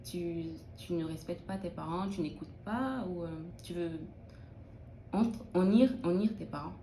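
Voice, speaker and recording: Young woman from Benin, low mellow voice, hesitant interviewee, echoey room. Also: measured pace, a little hiss or hum. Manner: thoughtful, hesitant with many restarts. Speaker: interviewee, student in early childhood education. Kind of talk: casual interview answers.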